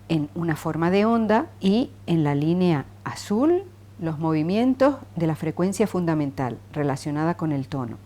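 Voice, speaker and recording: A woman lecturer giving a scripted talk, stressing key terms in a clear, measured way. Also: sits low, warm tone. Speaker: university lecturer.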